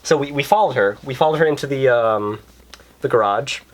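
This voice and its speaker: A man's voice: medium pitch, brisk. A young man co-hosting a casual podcast, telling a story in a rambling way, packed with fillers and self-mocking asides. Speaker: podcast co-host. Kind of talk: casual chat.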